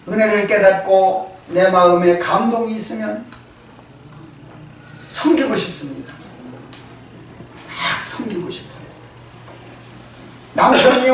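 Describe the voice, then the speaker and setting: High-voiced pastor preaching in an echoey hall. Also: male voice, a little hiss or hum. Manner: asks the congregation questions, acts out quoted spouses. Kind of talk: sermon. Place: church. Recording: echoey church hall from far off.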